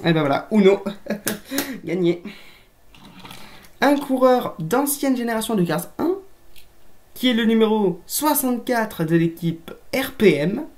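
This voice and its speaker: A woman's voice: on the high side, lively intonation, takes it slowly, long pauses, a little mellow. A woman vlogger in a casual show-and-tell to camera, chatty and joking, talking to viewers as friends in a room at home. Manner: chatty, addresses viewers as friends, jokey asides. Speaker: toy collector vlogger. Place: room at home with a shelf of toys.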